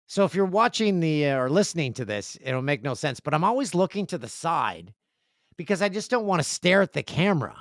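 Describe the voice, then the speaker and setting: A man's voice: fairly high pitch, brisk, no room sound, studio quality. A man hosting a podcast in casual chat, reading listener emails and telling jokey, rambling stories on a podcast microphone indoors. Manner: jokey, rambling, animated storytelling. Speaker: podcast host. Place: indoor room with a video setup.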